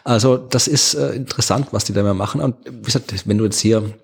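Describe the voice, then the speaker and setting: A man's voice: lowish voice, fast, creaky, breathy edge. A man with an Austrian accent co-hosting a podcast in casual chat, sarcastic and chatty, laughing often. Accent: Austrian German. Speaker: podcast co-host.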